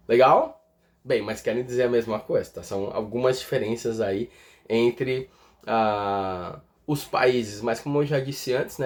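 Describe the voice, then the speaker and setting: A man teaching an English lesson in a patient, explanatory way. He checks in with his listeners after almost every point and slows down to spell out each example. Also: mid-range voice, darkish tone. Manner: patient, tags lines with "tá?" and "né?".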